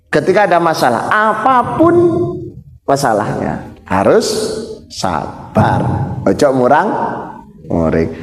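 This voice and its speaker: A middle-aged man with an East Javanese accent preaching at a mosque study session, animated and joking as he mixes Javanese into Indonesian and keeps addressing the men in the audience. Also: medium pitch. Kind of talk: humorous sermon lecture. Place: mosque hall. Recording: echoey mosque hall with long reverb.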